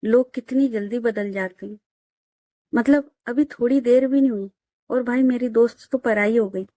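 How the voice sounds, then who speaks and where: Mock-sulky young friend, woman doing her, a bit high, mellow, storybook. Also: normal speed, dry recording, natural voice. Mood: mock-sulking. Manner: mock-sulking, dramatic. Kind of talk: storybook narration.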